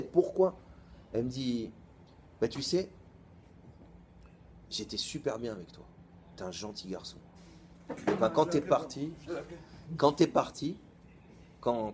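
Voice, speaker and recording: A man in his thirties, a rabbi giving an informal storytelling sermon in a colloquial, lively way, acting out both sides of the conversations he recounts. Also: mid-range voice, a little hiss or hum.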